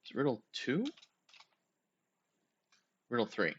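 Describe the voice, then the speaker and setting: A man's voice: mid-range voice, slow, slight background noise. A man hosts a casual game stream in an easy, joking manner, walking viewers through the rules. His voice sits mid-range and comes through a little dull, like lo-fi stream audio. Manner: relaxed, jokey, explains game rules. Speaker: stream host.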